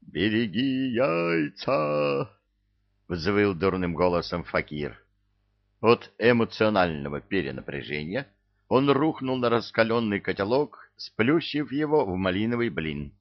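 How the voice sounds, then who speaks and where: A man narrating an audiobook with expressive, playful storytelling. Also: fairly low pitch, measured pace. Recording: slightly dull lo-fi recording.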